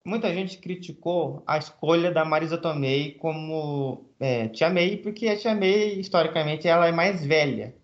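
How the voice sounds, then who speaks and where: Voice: medium pitch, measured pace, few pauses. Voice in a roomy, dull recording. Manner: opinionated, explains at length. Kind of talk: casual film discussion.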